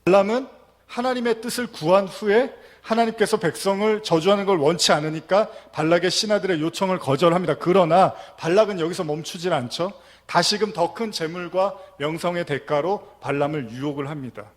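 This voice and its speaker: A man's voice: sits high, a little fast. A man preaching a sermon as pastor, retelling a scripture story and reading passages aloud. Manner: storytelling, reads scripture aloud and acts out quotes.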